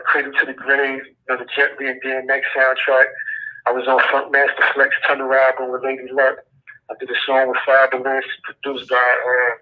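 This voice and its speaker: A Brooklyn man with a New York accent talks casually through a tinny prison phone line, the sound thin and squeezed. His voice stays flat and level, and his speech is laid-back street slang with a habit of "you know what I'm saying.". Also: mid-range voice. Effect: heard over a prison phone line. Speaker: incarcerated rapper calling in as guest.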